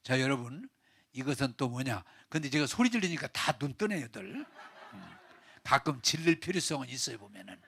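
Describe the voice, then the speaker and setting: A male pastor giving a sermon in a church, telling the story with animated, dramatic delivery. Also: medium pitch, normal speed, vocal fry, husky. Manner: animated storytelling, acting out the characters.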